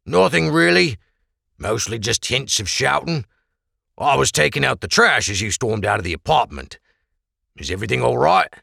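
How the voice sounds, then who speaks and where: A man putting on a sly gravelly merchant. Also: medium pitch, very animated, normal speed, pushed and bright, no room sound, clean studio sound, voice pushed up, full character voice. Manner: odd stilted phrasing, wheedling. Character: scheming gravelly male merchant neighbor, sly.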